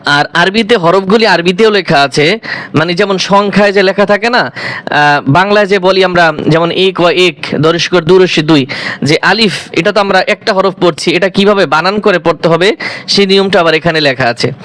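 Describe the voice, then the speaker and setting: A man with a fairly high voice teaching a step-by-step Quran recitation lesson. He patiently drills each letter sound, saying it over and over, and asks his students questions that he answers himself. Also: normal speed, a bit bright, no echo. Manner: patient, repeats each letter aloud several times.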